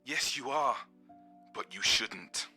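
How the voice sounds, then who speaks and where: A man playing a cryptic, ominous caller in a game, speaking quietly with eerie gravity. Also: medium pitch, animated, slow pace, breathy edge, faint music behind, exaggerated voice. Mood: grave warning. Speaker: radio caller. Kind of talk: dramatic game dialogue, ominous phone-in.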